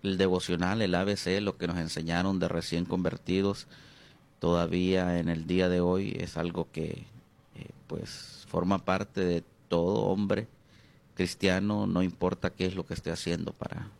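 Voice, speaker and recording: A middle-aged pastor with a Honduran accent is a guest in an interview, sounding hesitant and reflective and stretching out many fillers. His voice sits low with a level tone, vocal fry, and a darkish timbre.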